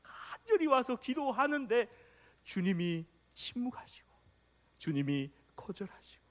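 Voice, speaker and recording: A man preaching a sermon as pastor, impassioned, swinging between hushed, near-whispered passages and loud, urgent calls. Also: medium pitch, long reverb tail.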